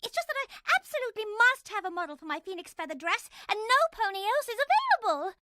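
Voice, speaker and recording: A woman's voice: very high voice, very animated, fast talker, pushed and bright, no room sound, heavily acted. A woman voicing a refined, dramatic unicorn fashion designer in a cartoon, with posh, theatrical diction. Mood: charming. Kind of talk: cartoon voice acting.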